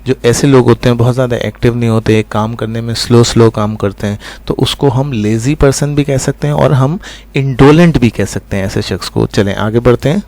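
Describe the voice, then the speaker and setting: A man teaching a vocabulary lesson at an ordinary middle pitch. He keeps asking "right?" after each point and drags out each English word slowly for the learners. He switches easily between explanation and spoken example sentences. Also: a little mellow.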